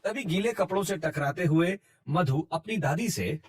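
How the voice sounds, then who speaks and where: A man narrating an animated family story in a steady, scripted storytelling manner. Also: high voice, moderate pace, slightly rough.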